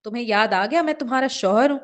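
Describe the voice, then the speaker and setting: A woman's voice: mid-range voice, lightly acted. A woman reader puts on a sulky young husband who is feverish and stubborn. He grumbles his lines with wounded pride, as part of a storybook reading. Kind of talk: audiobook character reading.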